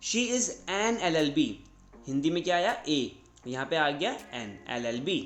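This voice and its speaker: A man's voice: on the high side, lively intonation, measured pace, a bit bright, echoey room, faint music behind. A man teaching English grammar in Hindi, explaining step by step and answering his own questions.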